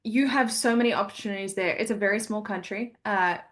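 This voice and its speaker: A woman with a New Zealand accent talks in a casual interview, her pitch sitting in a middle range. She is relaxed and friendly, explaining things at an easy pace. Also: brisk. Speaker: stunt performer guest.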